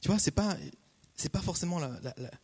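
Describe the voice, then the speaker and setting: Casting: a chatty male preacher, voice a bit high, heard with a long hall reverb. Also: brisk, husky. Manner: chatty, repeats key phrases, lively asides. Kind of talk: casual conversational sermon.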